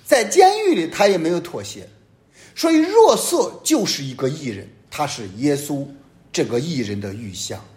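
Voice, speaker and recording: Male priest, fairly high voice, very animated delivery, emphatic homily with loud peaks and hushed drops. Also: moderate pace. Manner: emphatic preaching, sweeping rises and drops in pitch and loudness.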